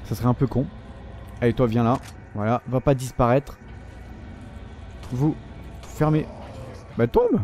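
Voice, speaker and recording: A young man giving joking, foul-mouthed commentary while playing a video game, often shouting at enemies. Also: medium pitch, measured pace, long pauses, slight background noise. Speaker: gaming video host. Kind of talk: casual let's-play commentary.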